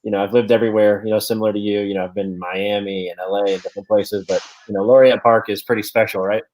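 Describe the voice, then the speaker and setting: A man's voice: on the low side, fairly even intonation, quick pace, darkish tone, poor audio. A man hosting a casual local-business interview, upbeat and loose, with many "you know" and "um" fillers. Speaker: host.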